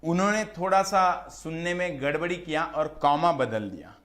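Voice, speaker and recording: A male lecturer with an Indian accent teaches law in a chatty, conversational way. His voice sits a little higher than usual for a man. He keeps checking with his class and slips English terms into his explanations. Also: moderate pace, a bit bright. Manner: mixes English terms into Hindi speech.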